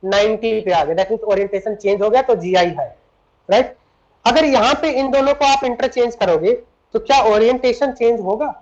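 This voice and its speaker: A man with a high-pitched, darkish voice speaks at normal speed on a dull lo-fi recording. He's teaching a chemistry lecture in a classroom, switching between Hindi and English, explaining step by step and often asking his students questions.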